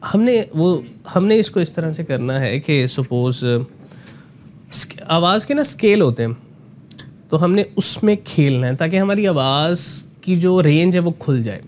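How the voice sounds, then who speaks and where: Man explaining voice technique, slightly high. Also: animated, unhurried, slight background noise. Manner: explanatory, mixes in English phrases, frequent "ना" tags. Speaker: voice coach. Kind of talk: conversational voice lesson.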